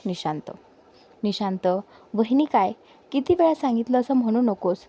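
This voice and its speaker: A troubled young man who answers quietly and wearily, read by a woman. His tone is mellow and dark, never rising to much energy, as if everything weighs on him. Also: a little high, animated, moderate pace, husky. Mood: downcast. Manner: subdued, weary.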